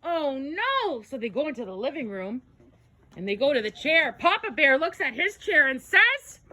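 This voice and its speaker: A woman's voice: sits high, sing-song, normal speed, pushed and bright. A woman narrating a children's storybook tale aloud, with dramatic exclamations and gasps.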